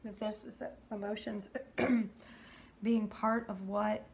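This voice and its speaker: A woman reading tarot cards for her viewers in a soft, halting way. She has a gravelly, creaky edge to her voice and often restarts her sentences or drops to a whisper. A faint hiss of room noise sits behind her. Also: mid-range voice, flat delivery. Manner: gentle, halting, many fillers and restarts. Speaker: tarot card reader. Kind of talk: intuitive card reading to viewers.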